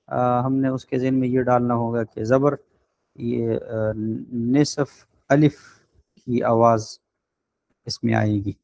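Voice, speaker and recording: A man in a plain middle register gives an online recitation lesson in a close, dry recording with no room echo. He explains patiently and stretches his filler sounds as he thinks. He sounds out each vowel slowly and deliberately to model it. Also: medium pitch, creaky, darkish tone. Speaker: Quran recitation teacher. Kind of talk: online class lecture.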